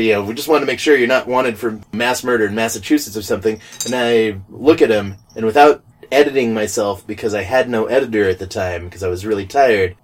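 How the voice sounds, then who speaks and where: A man in casual chat, telling a story with lots of laughter and acted-out dialogue. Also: medium pitch. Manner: animated, laughs while telling stories, acts out quoted exchanges.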